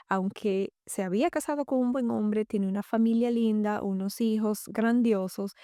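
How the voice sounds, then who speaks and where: Woman host, faith podcast, reads a book passage aloud and comments on it, measured and reflective, warm dark tone, dry close sound. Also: on the high side, no room sound.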